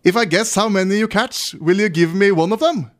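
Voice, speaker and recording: A man's voice: high voice, fairly quick, pitched above the performer's own voice, lightly acted. Ole, a man doing a folksy old fisherman. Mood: curious.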